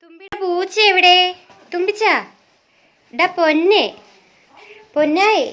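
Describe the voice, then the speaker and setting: A woman's voice: very high-pitched, slow, fairly bright tone. A mother talking to her toddler in sing-song baby talk, coaxing her and asking the same questions over and over.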